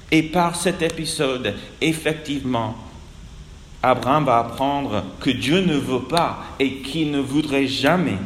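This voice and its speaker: A man preaching a sermon in a slow, earnest manner, his voice dropping at the ends of phrases. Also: mid-range voice, a little hiss or hum. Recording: echoey hall with long reverb.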